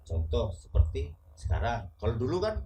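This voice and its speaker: A man's voice: mid-range voice, very animated, moderate pace, warm tone, rough recording. A man with an Indonesian accent, a traffic police officer explaining traffic rules in a podcast, who often ends points with tag questions.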